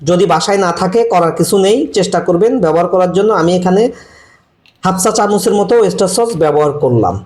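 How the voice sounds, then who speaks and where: A man giving slow, repetitive step-by-step cooking instructions for a recipe. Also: high voice, lively intonation, darkish tone. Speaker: cooking channel host. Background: frying and sizzling from the pan.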